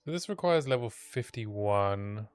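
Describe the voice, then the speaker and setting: A man streaming a video game, thinking out loud to himself in casual commentary as he plays. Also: lowish voice, animated, measured pace, smooth, no room sound, soft background music. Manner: musing aloud to himself while playing.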